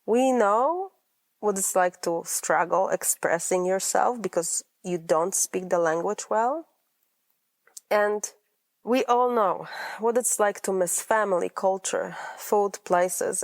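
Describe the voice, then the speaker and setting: A Polish woman in her thirties, a life coach, hosts her own podcast with a scripted monologue, speaking earnestly and personally in a Polish accent with rolled R's. Her voice is medium-pitched, unhurried and creaky, with no echo.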